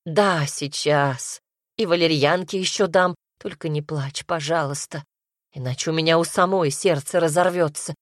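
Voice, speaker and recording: Casting: anxious lamenting mother in an audiobook, read by a woman, lowish dry voice. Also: normal speed, no echo, natural voice. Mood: fretful. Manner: fretful, lamenting, hushed. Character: worried fretful mother, soft and lamenting.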